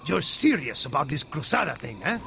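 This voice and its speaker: An actor playing a boastful mercenary sidekick with an overdone fake Spanish accent, from a game cutscene. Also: male voice, fairly high pitch, big pitch swings, fairly quick, gravelly. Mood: teasing. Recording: game cutscene audio with noise.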